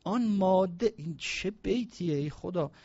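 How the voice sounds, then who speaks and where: Animated man reciting poetry in a lecture. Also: high-pitched, no echo, dull audio. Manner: animated storyteller, slows down to recite verses. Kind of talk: informal lecture with recited verse and anecdotes.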